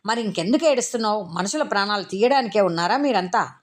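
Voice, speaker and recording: A woman's voice: medium pitch, brisk, voice pushed up, natural voice. A woman reading the part of a stern, tired female hostel warden who questions a crying child harshly and impatiently.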